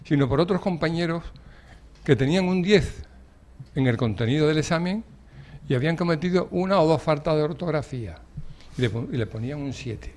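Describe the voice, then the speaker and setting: A man's voice: on the high side, brisk, a little mellow. Older man telling a story with emphasis. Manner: emphatic, storytelling, indignant asides. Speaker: radio debate guest. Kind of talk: studio debate, telling an anecdote.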